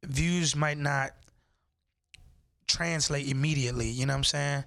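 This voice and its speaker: A man's voice: fairly high pitch, steady tone, a little slow, vocal fry, fairly bright tone. A man co-hosting a casual podcast, laid back and teasing, often saying "you know what I'm saying.". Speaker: podcast co-host. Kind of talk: casual chat.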